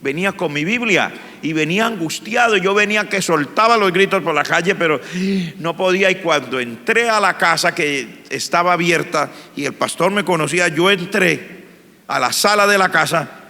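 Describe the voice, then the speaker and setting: A man's voice: on the high side, normal speed, bright, forceful tone, big-room sound. A man, a pastor telling his personal testimony in church with an earnest, emotional manner. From Colombia.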